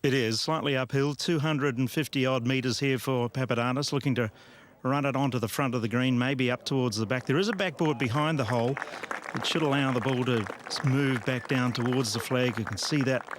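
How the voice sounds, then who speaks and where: A man giving measured golf commentary as an analyst, describing play in clipped present-tense phrases. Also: mid-range voice, a crowd in the background.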